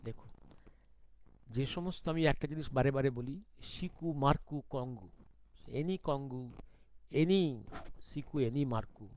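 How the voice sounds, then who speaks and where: A man giving a commentary monologue, talking slowly because of a sore throat, firing off pointed rhetorical questions. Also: mid-range voice, darkish tone. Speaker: political commentator.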